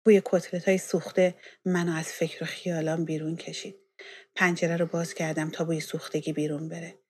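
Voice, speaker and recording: Lady reading her own short story, audiobook style, expressive telling. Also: low voice, slightly rough. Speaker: author and narrator. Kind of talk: audiobook first-person narration.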